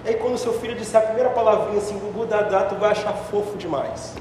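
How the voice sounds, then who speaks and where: High-voiced pastor shouting in an echoey hall. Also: male voice, quick pace, noisy background. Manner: animated, mocking, swings between shouting and soft asides. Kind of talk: sermon. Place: church hall. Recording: echoey hall, far from mic.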